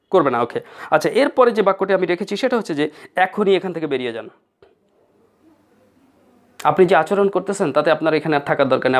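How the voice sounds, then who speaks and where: A Bengali-speaking man teaching spoken English phrases, saying each one slowly and spelling words out letter by letter. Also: fairly high pitch.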